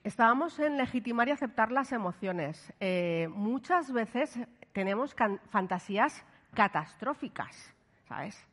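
A woman giving a lively workshop talk to an audience. She asks the listeners questions and checks in with them often. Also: on the high side, measured pace. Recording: long hall reverb.

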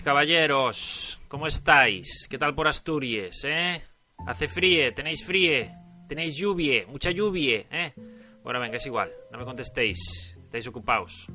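A man's voice: mid-range voice, normal speed, pushed and bright, soft background music. A man from northern Spain with a Spanish accent, presenting a story like a showman and addressing listeners directly. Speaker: podcast segment presenter, storyteller. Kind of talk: theatrical storytelling radio monologue.

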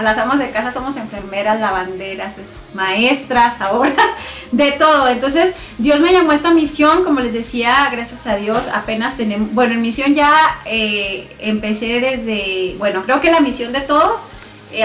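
A woman in her thirties from Chihuahua with a northern Mexican accent, talking about her faith as a guest in a radio interview, chatty and full of fillers. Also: on the high side. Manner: warm, chatty, laughing, many fillers. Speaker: guest singer and missionary. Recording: roomy studio with faint music.

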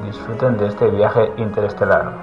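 A formal starship captain, as a man puts him on, welcomes his passengers over the ship's intercom. The voice sits low and booms, sounding distant like an onboard announcement. Music plays behind him. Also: steady tone, moderate pace, highs cut off. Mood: welcoming.

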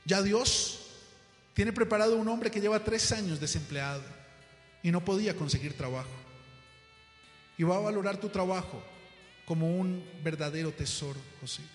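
A preacher voicing a calm, reassuring messenger who has come to take a man away. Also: high voice, moderate pace, long pauses, natural voice. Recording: echoey hall with faint music.

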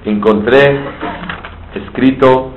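A man's voice: medium pitch, drawn-out words. A man delivers a teaching sermon, explaining Hebrew words one by one. He poses questions to his listeners and answers them himself. The recording is slightly dull, with a faint hiss underneath. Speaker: rabbi teaching Torah.

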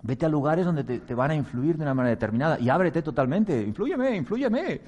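Warm-voiced man giving a reflective talk. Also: medium pitch, slight background noise. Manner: earnest, chuckles at himself, acts out quoted voices. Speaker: speaker on meditation.

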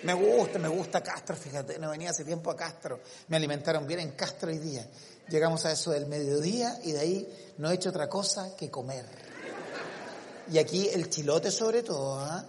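A Chilean man doing stand-up comedy, teasing the crowd with quick asides. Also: on the high side, a little mellow, in a large hall. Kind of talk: stand-up set and street interviews.

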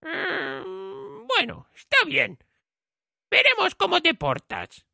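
A man's voice: extremely high pitch, huge pitch swings, slow, gravelly, sharp tone, dry recording, studio quality, voice pushed up, heavily acted. A man voicing a nervous, bumbling thief in a storybook reading, stammering and hesitant. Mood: gruff.

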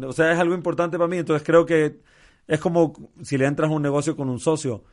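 A man with a Mexican accent chats casually, full of street slang. He tells jokes by acting out the people in them, with an easy storyteller's manner. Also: medium pitch. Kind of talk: casual conversation, telling a joke.

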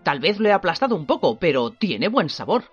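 A woman voicing a huge shaggy man, blunt and hearty, rough but kindly, leaping up and down in pitch. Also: big pitch swings, a little fast, highs cut off, faint music behind.

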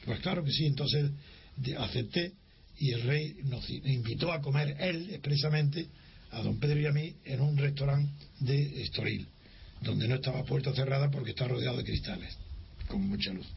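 A man's voice: medium pitch, moderate pace, gravelly. An older man from Spain recounting a personal memory in an interview, acting out the dialogue with frequent restarts. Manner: lively storyteller who acts out dialogue, with frequent restarts. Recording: dull lo-fi recording with faint hiss.

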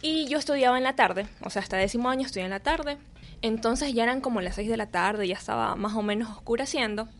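A woman's voice: a little high, quick pace, slight background noise. A woman chatting casually and cutting in playfully. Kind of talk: casual chat.

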